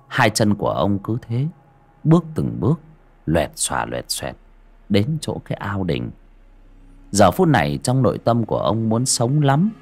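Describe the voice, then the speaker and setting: Man, audiobook narrator, husky, very lively pitch, faint background music. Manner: dramatic, swinging pitch for suspense. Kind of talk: scripted horror story narration.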